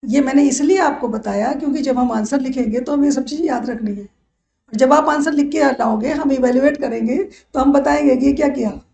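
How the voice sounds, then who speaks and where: A woman teaching a law lecture. She mixes Hindi and English, repeats key phrases and slows right down on the English lines. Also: high-pitched, darkish tone, echoey room. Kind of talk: classroom lecture.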